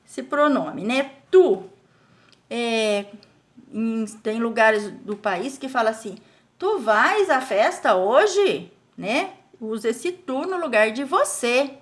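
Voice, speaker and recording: A Brazilian woman teaching a recorded spelling lesson to children. She explains slowly, stretches out syllables and keeps asking the class check questions. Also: fairly high pitch, lively intonation, fairly bright tone. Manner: speaks of herself in the third person as "a Pro". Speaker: primary school teacher.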